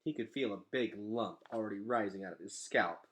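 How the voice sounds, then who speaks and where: A man reads a children's novel aloud as an expressive storyteller, his voice on the low side at a normal speed.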